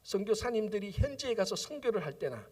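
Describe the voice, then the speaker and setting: A middle-aged male pastor preaching to his congregation in a high, lively voice that leaps up and drops low. He keeps asking questions and answering them himself. His voice rings with the long reverb of a church hall. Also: fast. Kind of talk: sermon. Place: church sanctuary.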